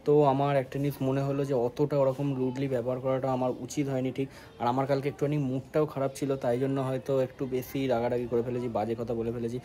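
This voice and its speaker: A man's voice: mid-range voice, level tone, racing, mellow. A young man chatting casually to his viewers in a couple vlog, talking straight to the camera. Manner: chatty, addresses viewers directly. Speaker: vlogger.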